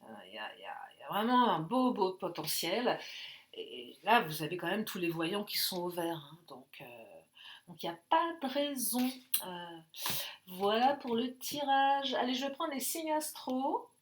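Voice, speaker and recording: A woman's voice: mid-range voice, sing-song, normal speed, a little hiss or hum. A woman doing a casual card reading, chatty and jokey, thinking aloud with many fillers. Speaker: tarot and oracle card reader.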